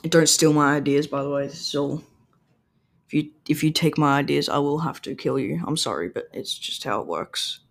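Rambling young podcaster. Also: male voice, on the high side, normal speed, creaky. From Australia. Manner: meandering, lots of ums and likes. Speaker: solo podcast host. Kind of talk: rambling casual monologue. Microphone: home microphone, sometimes turned away.

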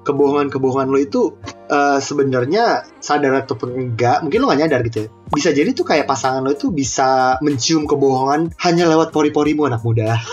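A man's voice: mid-range voice, animated, fairly quick, lo-fi sound, faint music behind. A man, co-hosting a casual podcast chat and telling a story while acting out both sides of the dialogue. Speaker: podcast co-host.

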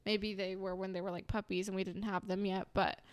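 A woman's voice: mid-range voice, flat delivery, fairly quick, clean tone. A young woman from Arizona co-hosting a podcast, chatting casually in a bubbly, giggly way with lots of fillers. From Arizona, USA. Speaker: podcast co-host. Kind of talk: casual chat.

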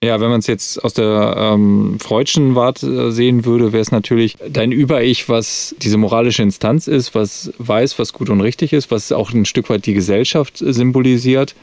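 A man's voice: medium pitch, fairly even intonation, moderate pace, hardly any pauses, a little mellow, dry recording. A man co-hosting a casual podcast, thinking aloud reflectively and searching for words with frequent fillers. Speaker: podcast co-host.

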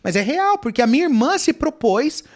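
A man's voice: extremely high pitch, big pitch swings, moderate pace. A man, a guest telling his faith testimony with dramatic retellings of his prayers and cries. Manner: dramatic, reenacts his own shouting and prayers.

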